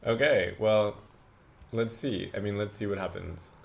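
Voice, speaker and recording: Low-voiced man in rambling vlog chat. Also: creaky. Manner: rambling, halting, self-deprecating asides. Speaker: vlogger. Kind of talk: casual unscripted vlog chat.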